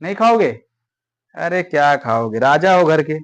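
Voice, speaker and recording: A male teacher gives a class lesson in a chatty, coaxing way, urging students to call back answers. His speaking voice sits a bit high for a man. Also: expressive, unhurried. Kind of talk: classroom lecture.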